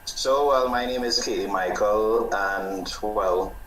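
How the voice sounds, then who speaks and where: A low-voiced man from Trinidad introduces himself as a panel guest. He sounds hesitant, opening with "well" and correcting himself. His voice carries the echo of a roomy space over a video call. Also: takes it slowly, fairly bright tone, a little hiss or hum. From born in the US, grew up in Trinidad. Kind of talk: self-introduction in a panel discussion.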